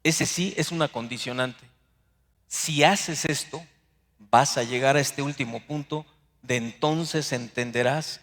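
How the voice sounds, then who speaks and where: A man with a Mexican Spanish accent preaching a sermon as pastor, slowing down for emphatic scripture readings. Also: mid-range voice, fairly bright tone. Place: church sanctuary. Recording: long hall reverb.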